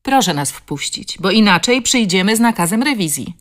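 A woman's voice: medium pitch, expressive, moderate pace, a bit bright, pitched above the performer's own voice, lightly acted. Audiobook cop, a man, firm and by-the-book, official tone; woman narrator playing him. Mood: stern. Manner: formal, firm.

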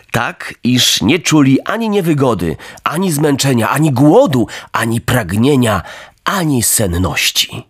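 Man, audiobook narrator, theatrical, very lively pitch, dry recording. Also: slightly rough, no room sound. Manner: very expressive, theatrical reading. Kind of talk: scripted storybook narration.

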